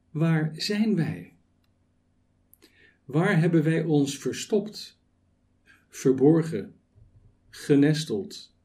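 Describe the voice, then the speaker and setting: A man preaching a sermon, building it on rhetorical questions and measured lists. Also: on the high side, warm tone.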